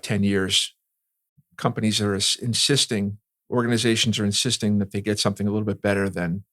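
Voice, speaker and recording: A veteran of the security and communications industry answers interview questions as an expert, explaining conversationally and often checking in with "right?". His voice is fairly low and a bit bright, with no echo.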